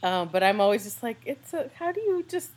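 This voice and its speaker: A woman's voice: a little high, very animated, fairly quick, darkish tone. A young American woman co-hosting a podcast, chatting casually and rambling with lots of fillers. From United States. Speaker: podcast co-host. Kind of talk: casual chat.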